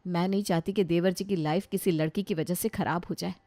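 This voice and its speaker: A woman's voice: on the low side, fairly even intonation, a little fast, warm tone, dry recording, close to an everyday voice. Brief: woman voicing a sensible sister-in-law, earnest, dry studio. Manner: earnest, persuasive. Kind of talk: storybook voice acting.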